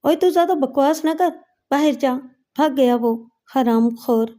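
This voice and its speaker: A woman's voice: high voice, warm tone, close to an everyday voice. A woman voicing a coarse, bullying corrupt police inspector in a story reading, talking down with mockery. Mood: sneering. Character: crude, leering corrupt male police inspector.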